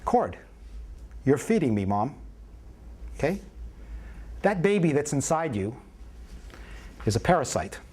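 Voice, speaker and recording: Doctor lecturing, fairly high voice. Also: male voice, big pitch swings, a little slow, pauses often, darkish tone, slightly rough. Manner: playful, folksy storytelling with audience questions. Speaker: obstetrician teaching a prenatal class. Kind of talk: live classroom lecture.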